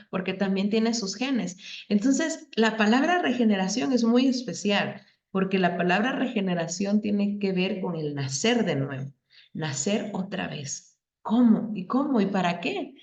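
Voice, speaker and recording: A woman's voice: on the low side, a little mellow. A middle-aged woman teaching a Bible class, explaining patiently and asking the class questions. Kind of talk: Bible lesson. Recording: echoey room, dull lo-fi sound.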